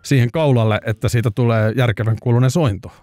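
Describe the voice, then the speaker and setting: A man's voice: mid-range voice, a little mellow, no echo. A Finnish man hosting a talk show, asking probing follow-up questions. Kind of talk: interviewing.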